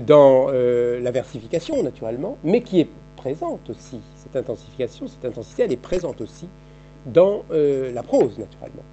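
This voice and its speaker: A man in his fifties, a historian giving an academic seminar lecture in a seminar room, thinking aloud with frequent halting restarts and repeated words. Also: fairly high pitch, dark tone. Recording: dull, lo-fi archive seminar recording.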